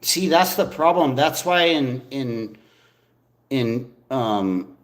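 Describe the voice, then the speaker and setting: A man's voice: medium pitch, animated, takes it slowly. Man rambling in an echoing, tunnel-like room. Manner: informal, swearing, rambling argumentative talk. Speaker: streamer. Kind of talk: casual livestream debate with chat. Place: echoey indoor space.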